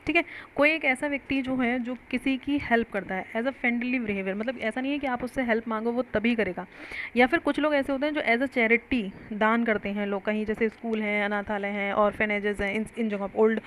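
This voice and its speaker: A young woman with an Indian accent teaching vocabulary, slowly explaining words and asking her students questions before answering them herself. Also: fairly high pitch, fairly even intonation, a bit bright, slight background noise, low-quality recording. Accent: Indian English. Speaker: English teacher. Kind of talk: Hindi-English vocabulary lesson.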